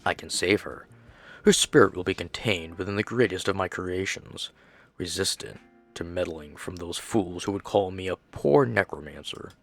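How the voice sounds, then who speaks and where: A man voicing a grieving, obsessive father who builds machines, reading his diary in a low, hushed voice. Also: moderate pace, gravelly, heavily acted. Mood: grim, tender.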